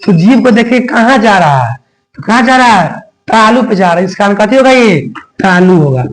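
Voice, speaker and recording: A man's voice: high voice, expressive, moderate pace, low-quality recording. A man teaching a grammar lesson, sounding out letters one by one and quizzing his students with repeated questions.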